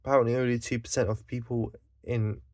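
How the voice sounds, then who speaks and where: A man's voice: mid-range voice, level tone, quick pace, no echo. Blunt, swearing Scottish man ranting. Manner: swears a lot, blunt and exasperated, with sighs and self-corrections. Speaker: vlogger. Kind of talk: profane ranting monologue.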